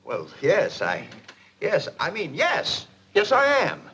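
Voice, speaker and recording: An actor playing an excitable middle-aged businessman boss in a 1940s film, blustering and theatrical. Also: high voice, takes it slowly, lo-fi sound, full character voice. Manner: blustering, theatrical, swings from loud to hushed. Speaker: company boss. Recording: old film soundtrack with faint hiss.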